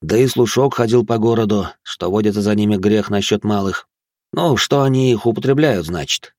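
A man's voice: on the low side, moderate pace, darkish tone, dry recording, clean studio sound, lightly acted. A man reading an audiobook, voicing a gloomy, tipsy middle-aged male beat cop who grumbles in a world-weary way. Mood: grumbling.

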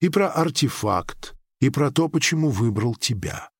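A man voicing an old, powerful foreign dream-weaver who speaks in a measured, persuasive, faintly ironic way. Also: medium pitch, animated, breathy edge, no echo, studio quality.

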